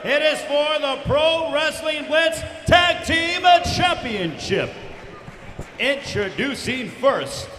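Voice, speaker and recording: Male lucha libre ring announcer, bright and piercing, stretching out each introduction through a reverberant hall. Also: a little hiss or hum. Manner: drawn-out, proclaiming introductions. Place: wrestling event venue, over the PA. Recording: long booming arena hall reverb.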